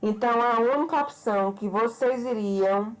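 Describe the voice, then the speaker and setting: A woman's voice: fairly high pitch, poor audio. A woman teacher from Brazil giving a remote grammar lesson, explaining patiently and speaking to her students directly. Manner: slow, explanatory, addresses students as "pessoal".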